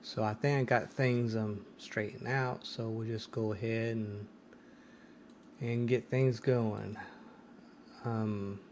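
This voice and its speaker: Slow, halting man walking through a tutorial. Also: fairly low pitch, fairly even intonation, a little mellow, a little hiss or hum. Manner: hesitant, many ums and restarts. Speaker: tech video host. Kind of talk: casual screen-recorded tutorial.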